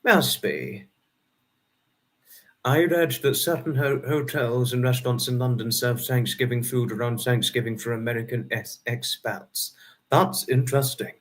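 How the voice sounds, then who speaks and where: This host is a young man in his twenties running a casual livestream, and his medium-pitched voice is a little slow and a bit bright. He chats in a friendly, rambling way, answers viewers by name, and restarts his sums aloud.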